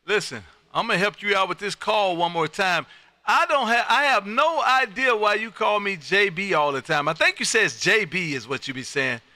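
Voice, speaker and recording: Male radio operator, hearty and friendly, very forceful tone, swooping pitch, close dry sound. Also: expressive, normal speed, no room sound. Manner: hearty, friendly, punchy sign-offs. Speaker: amateur radio operator running contacts. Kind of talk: ham radio calling and chat.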